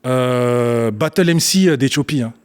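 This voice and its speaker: Animated man telling his story. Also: medium pitch, a little slow, smooth. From Africa, grew up partly in Ethiopia. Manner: animated storyteller, acts out scenes, bursts of laughter. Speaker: guest, battle rapper and slam poet. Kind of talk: casual storytelling interview.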